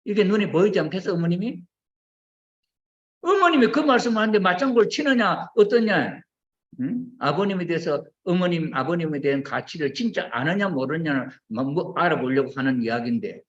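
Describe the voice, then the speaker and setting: Older guy preaching, high voice jumping around, muffled lo-fi sound. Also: fairly quick. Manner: animated, asks listeners questions, acts out quoted voices. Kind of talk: sermon to a congregation. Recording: roomy, dull lo-fi recording.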